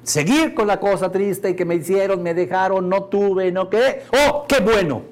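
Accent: Mexican. Role: motivational course speaker. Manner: animated storytelling, frequent audience questions. Pitch: fairly high for a man. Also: normal speed. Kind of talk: motivational seminar talk.

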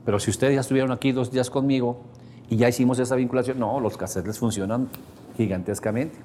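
This seminar instructor has a Mexican Spanish accent and a medium-pitched, dark, steady voice, and he talks fast, with slight background noise. Lecturing a live group in a seminar room, he chats through everyday examples and keeps checking in with the room.

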